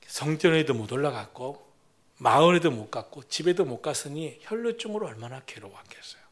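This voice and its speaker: A man preaching a sermon as senior pastor, rising to loud proclamations and dropping to hushed, near-whispered lines. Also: medium pitch.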